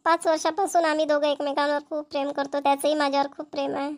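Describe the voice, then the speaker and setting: For an amateur comedy-drama dub of a Marathi cartoon, a woman voices an earnest, stubborn young village woman with a rural Maharashtrian accent. She pleads earnestly in a high, level voice at a quick pace.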